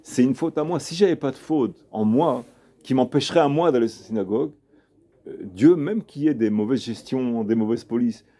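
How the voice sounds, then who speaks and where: A man's voice: medium pitch, moderate pace, dark tone. A man, a rabbi, giving an informal lesson and telling a story, emphatic and repeating himself as he talks straight to his listener.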